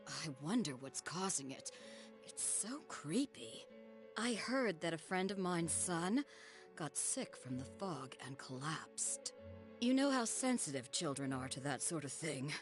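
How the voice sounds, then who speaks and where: An actress voicing a gossipy, dramatic middle-aged housewife in a video game, with exaggerated delivery. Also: female voice, deep voice, lively intonation, measured pace. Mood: uneasy gossip. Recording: background music behind the voice.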